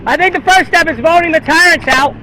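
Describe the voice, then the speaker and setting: Pushed and bright, a very high-pitched male voice runs a little fast as an American protester chants the same slogans and talks with passersby. He is outside by a busy road, and the recording is noisy, with traffic behind him.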